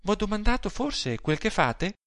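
A man's voice: sits high, very animated, measured pace, fairly bright tone, no echo, clean studio sound, voice pushed up, exaggerated voice. A male reader voicing a proud, weary married woman in an audiobook, with curt, haughty replies. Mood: sharp.

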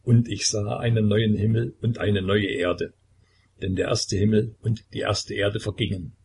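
A solemn young reader, voiced by a male narrator, reciting scripture with measured gravity in a storybook. The tone is low and husky, close to the narrator's own. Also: steady tone, darkish tone, heavily acted. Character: young man reading scripture aloud.

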